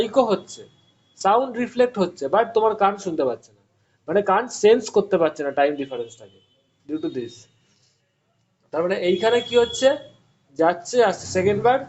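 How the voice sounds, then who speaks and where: A man's voice: sits high, a little mellow, muffled recording, slight background noise. A male physics teacher giving an online class, explaining step by step and often stopping to quiz his students.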